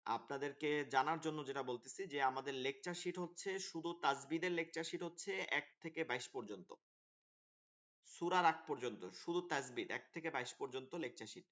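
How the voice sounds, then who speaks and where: A man's voice: fairly high pitch, normal speed, a bit bright. A man teaching an online Quran course, explaining the class plan in a hesitant way with many fillers over a video call. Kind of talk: online class orientation talk. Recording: dull lo-fi call audio.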